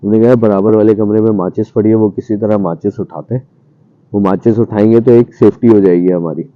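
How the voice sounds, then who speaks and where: A man's voice: lowish voice, brisk, no echo. Man telling a ghost story, muffled. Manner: animated retelling, acting out his own past lines. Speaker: storyteller guest. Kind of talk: casual spoken ghost story. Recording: dull muffled radio-style audio.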